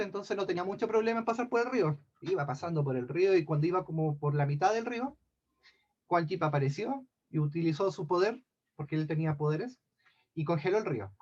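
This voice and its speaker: A man casually tells old myths to a group, pausing and restarting with chatty asides. His voice is a little high for a man. The recording sounds dull and lo-fi. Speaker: storyteller. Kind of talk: casual spoken myth telling. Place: talk for a scout group.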